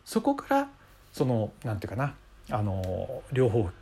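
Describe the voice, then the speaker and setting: A man's voice: medium pitch, wildly swooping pitch, unhurried, vocal fry, mellow, breathy edge. A middle-aged man hosting a casual solo talk show, musing in a conversational way with many fillers. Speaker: podcast host.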